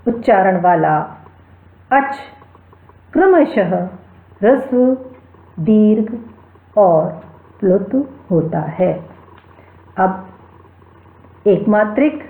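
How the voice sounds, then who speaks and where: A woman teaching a Sanskrit grammar lesson, explaining slowly and repeating key terms while she spells out each sound. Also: mid-range voice. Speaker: Sanskrit lecturer. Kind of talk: slow explanatory lecture. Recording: echoey room over a tinny phone-like line.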